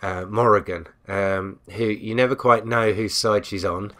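A man's voice: on the low side, steady tone, measured pace, fairly bright tone. A man giving a casual spoken game review, hesitant, with frequent ums and restarts.

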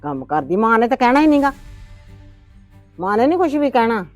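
A woman's voice: fairly high pitch, big pitch swings, brisk, faint music behind. A woman playing a stern, nagging grandmother in a homemade family drama, lecturing and complaining. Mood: scolding. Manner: complaining, lecturing, sharp-tongued.

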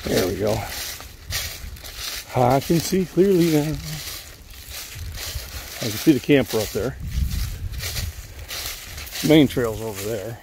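An older man walking through woods, rambling in a relaxed way to a phone at arm's length. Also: mid-range voice, slow, creaky, long pauses, background noise. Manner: rambling, relaxed, thinking aloud while hiking. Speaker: vlogger. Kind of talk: casual walking vlog. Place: outdoors in woods. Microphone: phone held at arm's length while walking.

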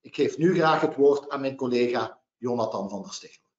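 A man's voice: medium pitch, brisk. A Belgian man opening a legal webinar, laying out practical points and the agenda one by one in a formal, orderly way. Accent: Belgian Dutch. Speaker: webinar host and lawyer. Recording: roomy, dull webinar audio.

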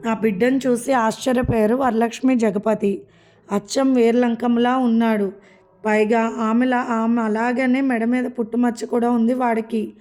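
A woman narrating a family story as a storybook reader, steady and measured. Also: fairly high pitch.

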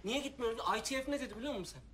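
An actor playing a volatile, furious sailor on a stranded ship, ranting and shouting threats. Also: male voice, very high voice, rapid-fire. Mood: raging rant. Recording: noisy background.

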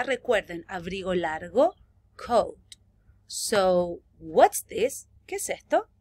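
A young adult woman with a Chilean Spanish accent, teaching a virtual English lesson to young children and drawing out each model phrase slowly. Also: slightly rough, no echo. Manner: slow, drawn-out model phrases with lively pitch swings.

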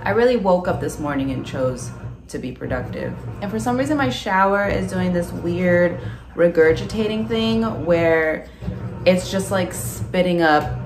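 A woman's voice: low-pitched, noisy background. A young woman in her twenties talking casually to a phone camera, full of "like" and "um". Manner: chatty and casual, lots of "like" and "um". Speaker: vlogger. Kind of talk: casual vlog chat to camera. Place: apartment indoors and city streets outdoors. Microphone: phone camera at arm's length.

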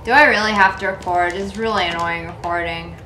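A woman's voice: fairly low pitch, steady tone, brisk, bright, forceful tone. A young woman playing a horror game, giving casual, scared commentary and muttering to herself as she goes. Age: young adult. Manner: jumpy, scared reactions mixed with muttering to herself. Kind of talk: casual let's play commentary. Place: small indoor room. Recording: roomy echo, noisy game ambience.

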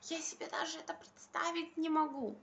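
This young adult vlogger and mom speaks to her phone, held at arm's length, in a room beside a window. Her voice is extremely high, gravelly and slightly bright, a little fast with fairly even intonation, and the recording sounds muffled. The chat is casual, emphatic, colloquial and full of repeated phrases.

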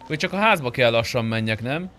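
Playing an online roleplay game, a man chats casually and asks questions in an expressive, medium-pitched voice that sounds pushed and bright. There's a little hiss or hum on the recording.

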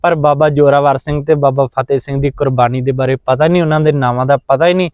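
A man's voice: medium pitch, steady tone, quick pace, a little mellow, smooth, no room sound, dull audio. A man, speaking in an interview with earnest, preaching conviction. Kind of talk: impassioned religious commentary.

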